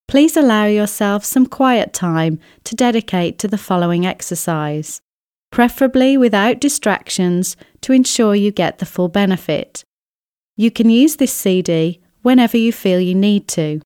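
A woman reading a scripted guided relaxation as a therapist, in a soothing, gentle way with long, unhurried pauses. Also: medium pitch, lively intonation, clean tone, no echo, clean studio sound. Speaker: relaxation therapist guiding an exercise. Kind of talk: scripted guided relaxation, body scan meditation.

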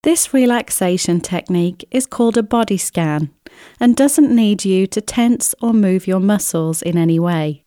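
A woman guides a relaxation exercise in a mellow, smooth voice. She moves very slowly through each scripted instruction, gentle and soothing, leaving unhurried pauses. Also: mid-range voice, no room sound, clean studio sound. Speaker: relaxation therapist guiding an exercise. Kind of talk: scripted guided relaxation, body scan meditation.

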